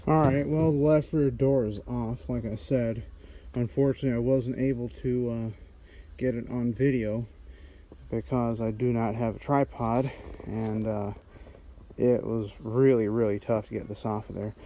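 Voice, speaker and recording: Brief: man, muffled respirator voice, mellow tone, casual workshop narration, handheld camera. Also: medium pitch, steady tone, slight background noise. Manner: halting, many fillers while working. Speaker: car restorer. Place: auto body garage.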